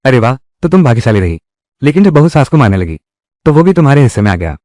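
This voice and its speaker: A man's voice: medium pitch, big pitch swings, fast, a little mellow, no echo, clean studio sound, close to an everyday voice. A man voicing a fierce young village wife who fights back against her in-laws, with a defiant, mocking manner in dubbed drama dialogue.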